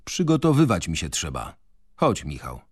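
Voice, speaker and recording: A curt young student, low and quiet, brushing everyone off, as a male reader voices him. Dry close studio sound. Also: huge pitch swings, normal speed, dry recording, full character voice. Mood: dismissive. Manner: curt, cool. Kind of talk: radio reading of a novel.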